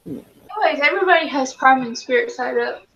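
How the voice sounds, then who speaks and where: High-voiced woman playing a tabletop game. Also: animated, fairly quick, creaky, fairly bright tone, lo-fi sound. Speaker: player.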